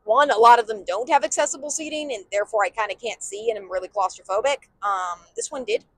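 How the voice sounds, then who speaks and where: A woman co-hosting a podcast in casual chat, chatty and animated, laughing often. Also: fairly high pitch, fast. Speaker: podcast co-host.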